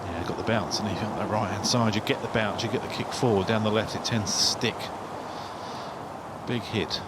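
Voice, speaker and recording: A man's voice: fairly low pitch, fairly even intonation, brisk. A man giving analytical live golf commentary in short, clipped remarks. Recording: clear outdoor ambient noise. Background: outdoor ambience.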